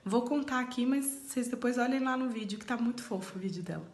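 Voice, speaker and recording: A woman's voice: on the high side, quick pace, darkish tone, roomy sound. A Brazilian woman in her thirties giving parenting advice in a chatty vlog, talking straight to her viewers. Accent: Brazilian Portuguese. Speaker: parenting vlogger.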